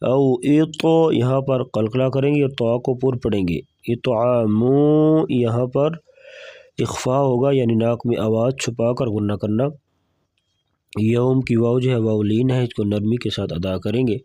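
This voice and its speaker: A man teaching Quran recitation rules word by word, explaining each point in a brisk, matter-of-fact way. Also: mid-range voice, steady tone, warm tone, no echo. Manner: breaks into slow melodic recitation between explanations. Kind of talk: tajweed lesson, explaining word by word.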